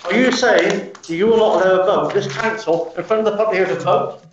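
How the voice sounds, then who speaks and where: A man's voice: sits high, fairly quick, background noise. A man councillor arguing heatedly with the chair at a council meeting, combative and challenging. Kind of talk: heated debate. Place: large echoey council chamber. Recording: distant, echoey, dull room recording.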